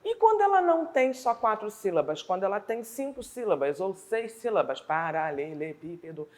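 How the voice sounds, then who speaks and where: A woman teacher from Brazil with a Rio de Janeiro accent, explaining a school lesson slowly and deliberately, sounding out words syllable by syllable. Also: medium pitch, big pitch swings. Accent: Rio de Janeiro Portuguese.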